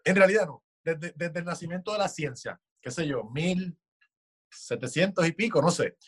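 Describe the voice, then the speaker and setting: Man, fairly high voice, heated casual talk with frequent swearing. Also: normal speed, breathy edge. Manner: passionate, swears often, acts out quoted voices. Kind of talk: casual chat.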